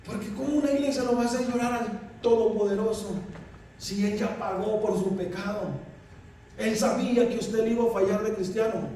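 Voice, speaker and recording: A man's voice: high voice, dark tone. A man preaching an emphatic sermon, calling out to his congregation. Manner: emphatic, addresses the congregation as "iglesia". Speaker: pastor. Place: church hall. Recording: echoey hall, distant mic, faint noise.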